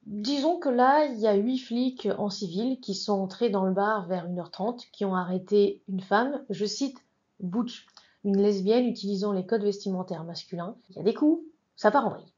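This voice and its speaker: Chatty woman with a mellow, dull-sounding voice. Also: mid-range voice, normal speed. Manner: chatty and warm-hearted, with asides and hesitant fillers. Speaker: channel host. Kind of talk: casual explainer vlog, reading from sources.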